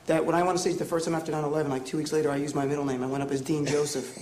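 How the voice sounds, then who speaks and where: A man, a comedian, telling jokes in a quick, emphatic, earnest way. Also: fairly high pitch, flat delivery, echoey room, noisy background. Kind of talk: stand-up and interview storytelling.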